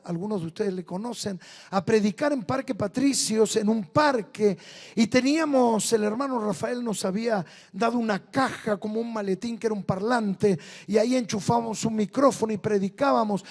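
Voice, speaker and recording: A man with a high, bright-pitched voice and an Argentine Rioplatense accent, preaching at a church meeting. He preaches through personal stories, dropping to soft, confiding asides and then rising into loud bursts. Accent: Argentine Rioplatense Spanish. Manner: animated storyteller, swings between soft intimate asides and loud bursts. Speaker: pastor. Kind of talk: storytelling sermon. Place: church meeting with live audience.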